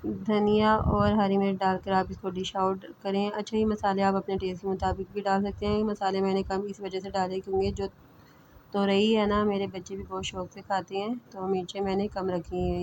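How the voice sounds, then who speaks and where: A woman's voice: medium pitch, completely flat delivery, brisk, darkish tone, muffled recording, slight background noise. A woman hosting a home cooking vlog from her kitchen, explaining each step in a chatty way, often checking in with her viewers and calling them sisters and brothers. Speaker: home cook and channel host.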